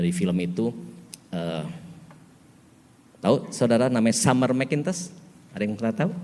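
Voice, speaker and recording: An older male pastor tells a story in a relaxed, chatty way and laughs now and then. His voice sits low. It carries a long reverb from a large hall. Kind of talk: sermon with anecdote.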